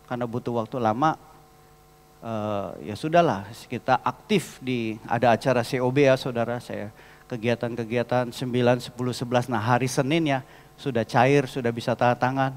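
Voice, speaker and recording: A man preaching a storytelling sermon as a pastor, lively and often calling out to the congregation. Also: mid-range voice. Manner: lively, addresses the congregation as "saudara". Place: large church hall. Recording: long church hall reverb.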